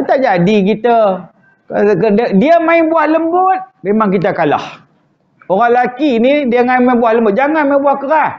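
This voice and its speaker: A man's voice: high-pitched, lo-fi sound. A Malaysian man teaching an evening mosque lecture in a joking, conversational way, often acting out quoted wives. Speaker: religious teacher. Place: prayer hall.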